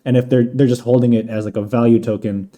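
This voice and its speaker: A man's voice: mid-range voice, fairly even intonation, fast, warm tone. A man hosting a podcast, chatting casually and rambling with lots of fillers. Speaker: podcast host. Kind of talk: casual chat.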